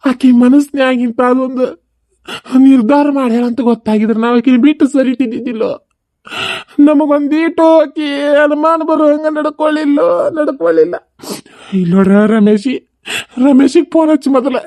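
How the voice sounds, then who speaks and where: A woman's voice: high voice, normal speed, mellow, no echo, lightly acted. A woman with a North Karnataka Kannada accent playing a grieving older village father in a comedy skit, scolding and sobbing.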